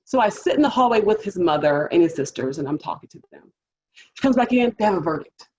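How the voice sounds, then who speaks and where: A woman public defender telling a courtroom story to a panel audience, lively and animated, acting out the people she quotes. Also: on the low side, fast talker, husky, dull audio.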